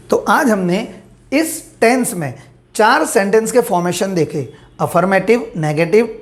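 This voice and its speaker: Speaking at a fairly low pitch, a woman teaches grammar. She reads out example sentences slowly for dictation, then asks questions and supplies the answers on her own.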